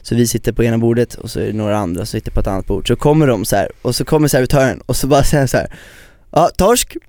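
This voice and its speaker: A man in casual podcast conversation, telling stories with lively energy and quick asides. His voice sits at an ordinary middle pitch. The recording is close and dry, with no room sound. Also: no room sound. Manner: lively storyteller who acts out quotes. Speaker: podcast co-host.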